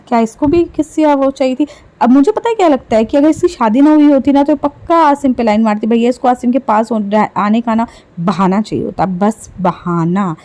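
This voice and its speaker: Woman, gossip commentator, casual sarcastic talk, taunting, slightly high pitch, dark mellow tone. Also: rough recording. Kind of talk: casual commentary on reality show clips.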